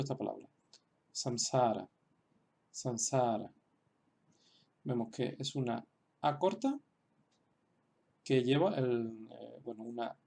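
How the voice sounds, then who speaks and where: A man teaching a lesson over on-screen writing, speaking hesitantly with many fillers and repeated words, and sounding out example words slowly and carefully. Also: medium pitch, darkish tone. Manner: slow, careful example pronunciations.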